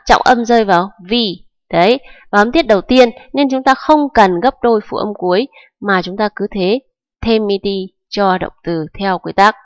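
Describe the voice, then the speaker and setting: An English teacher, a woman with a medium-pitched voice, walks through grammar rules step by step. She's patient and keeps checking that you follow along. The sound is dry and close, with no echo.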